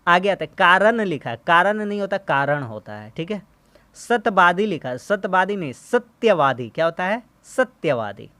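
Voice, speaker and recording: A man's voice: high-pitched, big pitch swings, brisk, few pauses, sharp tone, dry recording. A man teaching a school Hindi lesson, who asks questions and answers them himself and has students repeat word lists after him. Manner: friendly and reassuring, says "ठीक है भैया". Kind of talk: explaining a class 7 Hindi lesson.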